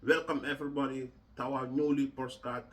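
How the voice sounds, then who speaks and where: A man from Gambia hosting a casual podcast chat, halting and repeating words with many fillers. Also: medium pitch, level tone, recorded from a distance, low-quality recording. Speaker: podcast host.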